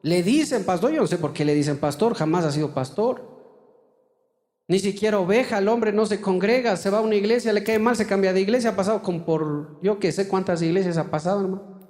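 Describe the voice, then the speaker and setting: Fervent male preacher in echoing church. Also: a little mellow. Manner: fervent preaching, often calling listeners "hermano"; rises sharply in pitch for emphasis, drops low and slow for solemn points. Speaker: pastor. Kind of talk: sermon. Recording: long reverb of a church hall.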